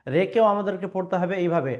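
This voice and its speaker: A man's voice: sits high, fast. A man teaching Arabic letter pronunciation in an online lesson, patiently explaining and drawing out each letter sound, with frequent hesitations. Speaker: Quran reading teacher. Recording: dull lo-fi recording.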